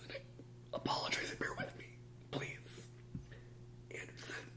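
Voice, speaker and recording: A man putting on a substitute teacher who has lost their voice, speaking in a high, strained whisper. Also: normal speed, sharp tone, natural voice. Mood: pleading.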